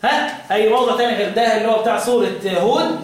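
A man with an Egyptian accent teaching Quran recitation, quizzing students and drawing out recited words slowly. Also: high-pitched. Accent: Egyptian Arabic. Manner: drills by question, draws out recited words slowly. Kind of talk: classroom lesson with questions to students. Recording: echoey room, voice from far off mic.

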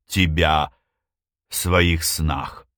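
A man reading the lines of a gentle young man in love in an audiobook, with a lowered, gentle voice. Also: fairly even intonation, extremely slow, no room sound, clean studio sound, full character voice. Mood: tender.

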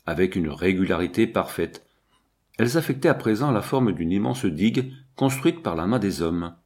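A man reading an adventure novel aloud as an audiobook narrator, in an expressive, dramatic way. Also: on the low side.

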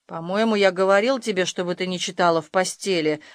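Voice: brisk, no room sound, natural voice. A reader doing a menacing stern father. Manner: low, quiet, threatening.

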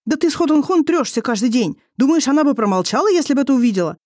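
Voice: sits high, lively intonation, quick pace, a little mellow, no echo, studio quality, pitched above the performer's own voice. A reader voicing an angry, proud young husband who snaps and growls indignantly. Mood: furious.

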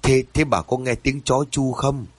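A man's voice: medium pitch, steady tone, measured pace, no echo, natural voice. A man voicing a frightened middle-aged village chief who stammers as he insists he saw someone at his gate. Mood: shaken. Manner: stammering, hesitant.

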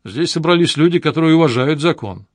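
A man's voice: a little high, expressive, brisk, no room sound, studio quality, pitched above the performer's own voice. A man reading an audiobook, voicing a shy, polite young man who speaks bashfully. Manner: bashful, modest.

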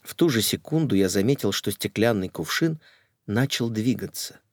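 Wry male audiobook narrator, lively low voice. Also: moderate pace, dry recording, studio quality. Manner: wry, ironic storytelling. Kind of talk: first-person audiobook narration.

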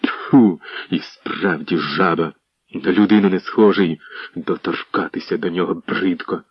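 A bold young warrior, played by a man talks in a low, gruff voice with blunt scorn. The sound is dull and lo-fi, as on an old radio broadcast. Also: steady tone, unhurried, dry recording.

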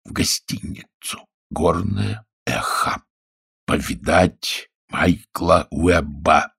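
Scheming stout husband read by a man, deep, husky, hushed and secretive, audiobook. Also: normal speed. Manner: hushed, conspiratorial, often half-whispered.

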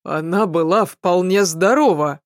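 A woman's voice: fairly low pitch, unhurried, no room sound, studio quality, close to an everyday voice. A woman reading a sly, wary young apprentice. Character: sly young male apprentice, guarded and feigning.

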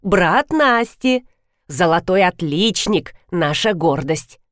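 A woman's voice: fairly low pitch, expressive, takes it slowly, fairly bright tone, dry recording, studio quality. A woman reading an audiobook, voicing a fussy, gushing elderly lady who heads her family. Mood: fussing. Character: elderly lady, soft-hearted matriarch, fussy. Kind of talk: audiobook character voice.

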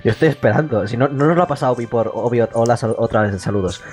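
Quick wry man hosting a podcast. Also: medium pitch, a little mellow, soft background music. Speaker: podcast host. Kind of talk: casual podcast banter.

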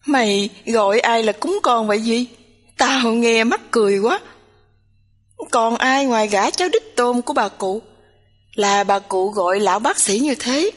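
A bossy, chattering young woman who teases and nags her roommate in a storybook reading, as a woman narrator puts her on. Her voice sits a little high. A long hall reverb trails each line. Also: a little slow. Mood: teasing.

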